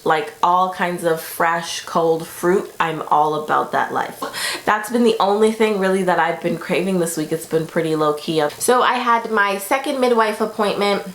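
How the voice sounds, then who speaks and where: A young woman talking casually to her viewers, rambling along with plenty of fillers. Her voice sits a little low. The room gives it a noticeable echo. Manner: chatty, rambling, lots of fillers. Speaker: vlogger. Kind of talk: casual pregnancy update vlog.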